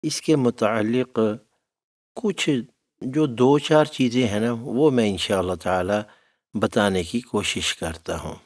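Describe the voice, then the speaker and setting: A middle-aged man with a lowish voice teaches a tajweed lesson on Quran recitation. He speaks patiently, calls his students "my child," and slowly draws out syllables to demonstrate them.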